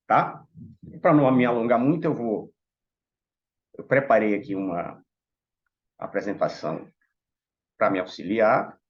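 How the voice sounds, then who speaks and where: With the high frequencies cut off, the recording captures a mid-range, slightly mellow male voice. He's a Salvador native with a Bahian Portuguese accent, reflecting aloud on a Theosophical panel and frequently speaking to the audience in asides.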